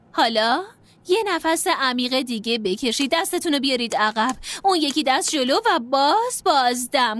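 A calm class instructor. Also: female voice, sits high. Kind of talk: dubbed film dialogue.

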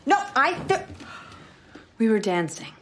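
A woman's voice: fairly high pitch, big pitch swings, a little slow. Defensive, embarrassed young woman, a sitcom role, with a faint hiss behind her. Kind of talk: sitcom acting.

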